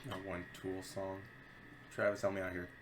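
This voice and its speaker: A man's voice: low-pitched, completely flat delivery, moderate pace. A young adult man co-hosting a casual podcast chat, tossing in short dry quips from the side. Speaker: podcast co-host.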